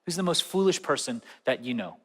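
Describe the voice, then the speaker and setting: Bright-voiced young male pastor preaching. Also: mid-range voice, big pitch swings, brisk, slightly rough. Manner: conversational, asks the audience questions. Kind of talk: sermon. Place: large church auditorium. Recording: echoey church hall.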